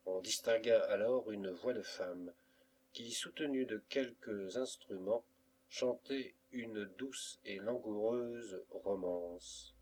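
A man reading a classic novel aloud as an audiobook, in a measured literary way. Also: lowish voice, darkish tone, slight background noise. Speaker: audiobook reader. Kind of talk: scripted narration of a classic novel.

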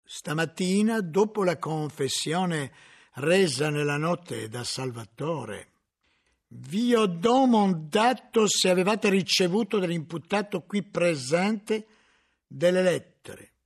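A man voicing a stern, coldly paternal inquisitor who speaks slowly and solemnly. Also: sits high, expressive, voice pushed up, full character voice. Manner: slow, measured, solemn.

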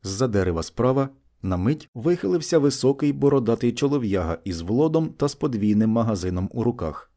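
A man narrates an audiobook in a low, warm, mellow voice. His reading is steady and measured, paced like scripted storytelling.

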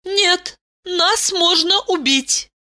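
A woman voicing an ancient princess who is stern yet tender and speaks in a high, commanding, sing-song way. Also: drawn-out words, pushed and bright, full character voice. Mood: regal, tender.

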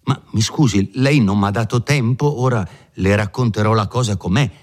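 A man's voice: lowish voice, moderate pace, pitched above the performer's own voice, close to an everyday voice. A man voicing an earnest, agitated young peasant in an audiobook reading, insistent and pleading.

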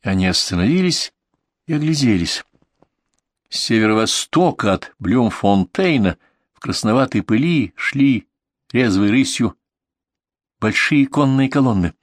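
A man reading a historical war novel aloud as an audiobook narrator, in a measured, steady storytelling manner. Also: medium pitch, no room sound, studio quality. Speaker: audiobook reader. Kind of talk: scripted narration of historical prose.

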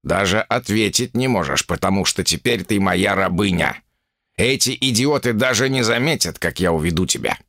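A man's voice: on the low side, animated, moderate pace, gravelly, a bit bright, no room sound, studio quality, full character voice. A man playing a sneering, menacing demon villain. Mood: gloating.

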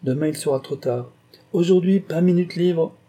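A rushed, self-important financier who fires off clipped telegraphic phrases, as voiced by a male audiobook reader. The voice is dark and slightly husky, the words cut short and brusque. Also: on the high side, pitched above the performer's own voice, lightly acted.

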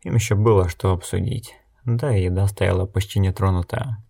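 A man narrating an audiobook in an even, measured reading. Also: low voice, creaky, breathy edge. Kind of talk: scripted narration.

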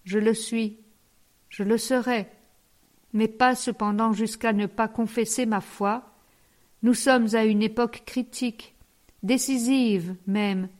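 A woman's voice: a little high, fairly even intonation, slow pace, darkish tone. A woman reading the part of a young male curate, earnest and grave in tone.

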